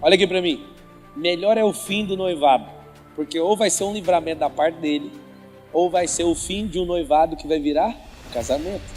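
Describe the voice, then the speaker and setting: A man with a high-pitched voice delivers a motivational talk with religious teaching to a live audience. He keeps teasing and quizzing the crowd. The sound carries a long hall reverb with faint music under it. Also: fairly quick, darkish tone. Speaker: motivational speaker. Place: large event venue with live audience.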